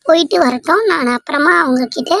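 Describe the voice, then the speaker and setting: A stern young schoolteacher in a cartoon, grumbling about her lazy pupils, as a woman voices her. the voice is high and firm. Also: fairly quick, a bit bright, no room sound, clean studio sound. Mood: complaining. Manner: complaining, firm.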